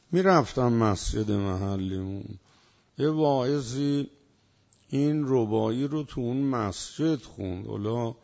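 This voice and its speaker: Dark-voiced preacher. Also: male voice, medium pitch, gravelly. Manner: stretches out listed words for emphasis. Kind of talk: sermon. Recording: dull lo-fi recording.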